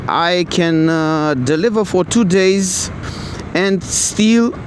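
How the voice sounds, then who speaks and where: A man who speaks English as a second language gives a casual product review in a halting, repetitive way. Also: high voice. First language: not English. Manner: halting, repetitive non-native phrasing. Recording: clear outdoor traffic and vehicle noise.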